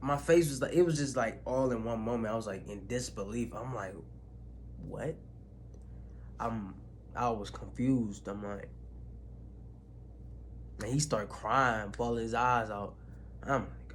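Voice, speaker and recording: A young man in casual vlog storytelling, sharing an emotional personal story in slangy speech with restarts and pauses. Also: medium pitch. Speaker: vlogger. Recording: faint background noise.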